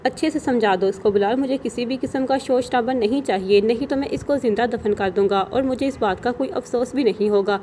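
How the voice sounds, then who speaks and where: A woman's voice: a little high, few pauses, slight background noise, close to an everyday voice. Woman reading a cruel threatening father. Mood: menacing. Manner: threatening, shouting orders. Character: harsh cruel middle-aged father.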